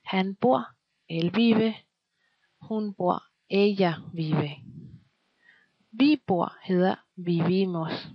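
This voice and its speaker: Lady teacher doing a slow patient lesson, quizzing you, kinda muffled dry recording. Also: mid-range voice, no echo. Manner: slow, patient quizzing with pauses for the listener to answer. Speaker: Spanish language teacher. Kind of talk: scripted language lesson.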